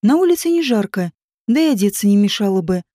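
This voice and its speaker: A woman's voice: mid-range voice, big pitch swings, fast, dark tone, dry recording, studio quality, pitched below the performer's own voice, close to an everyday voice. A woman voicing a stern, decisive woman writer in an audiobook, with a cool, commanding way of talking.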